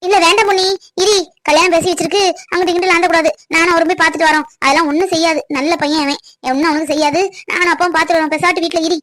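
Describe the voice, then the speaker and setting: A woman's voice: extremely high pitch, fairly even intonation, racing, a bit bright, no echo. A woman voicing a firm, scolding village mother in a dubbed cartoon. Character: stern village mother, protective of her daughter.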